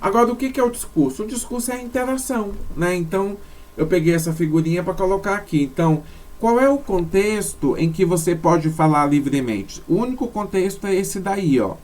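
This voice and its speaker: A man's voice: high voice, lively intonation, brisk, a little mellow. A man giving a lecture over slides, explaining step by step with frequent tag questions and self-corrections. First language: Portuguese. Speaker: teacher.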